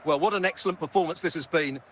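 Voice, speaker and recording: A male co-commentator in a football match, recorded in a studio and played back from a game. His voice sits high. He takes his time and sums up each play in a calm, measured way. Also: slight background noise. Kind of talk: sports analysis.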